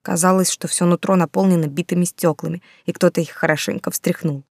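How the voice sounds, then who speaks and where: Brief: woman audiobook narrator, measured scripted reading, low voice, dry close mic. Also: fairly even intonation, darkish tone, no echo. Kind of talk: scripted first-person narration.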